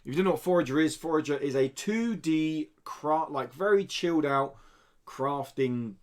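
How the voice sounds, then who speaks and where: A man hosts a podcast from an indoor studio, reading out indie game news in a casual, informal way and explaining things as he goes. His voice is on the high side and he talks at a normal speed.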